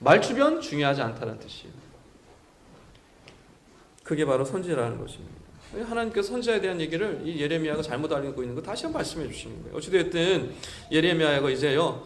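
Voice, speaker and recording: A male pastor delivers a Sunday sermon with a high voice that swoops over a wide range. He preaches in an animated way, asking his congregation questions, and his voice rings through a roomy church hall. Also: quick pace, slight background noise. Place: church sanctuary.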